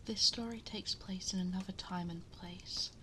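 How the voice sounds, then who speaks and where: A woman playing a gentle, motherly, ageless cosmic princess in an ASMR bedtime roleplay, speaking tenderly and reassuringly, often in a breathy half-whisper, close to the microphone. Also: medium pitch, steady tone, normal speed, close to an everyday voice, low-quality recording. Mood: tender, storytelling. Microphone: close binaural 3Dio microphone.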